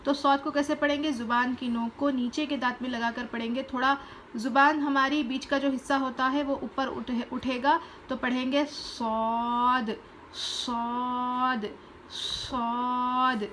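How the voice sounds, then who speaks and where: A woman teaching Quran recitation, patiently repeating each letter name slowly and explaining how to pronounce it. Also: high voice, fairly even intonation, fairly bright tone, a little hiss or hum. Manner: patient, plain instructional tone. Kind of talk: step-by-step pronunciation lesson.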